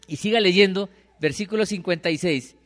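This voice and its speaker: Pastor preaching, raised voice. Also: male voice, high voice, moderate pace, in a large hall. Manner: questions the congregation and answers himself. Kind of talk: sermon. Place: church hall.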